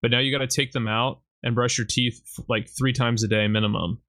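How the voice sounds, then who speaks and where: A man co-hosting a podcast in casual chat, blunt and quick to swear while he rants. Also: mid-range voice, steady tone, sharp tone. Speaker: podcast co-host.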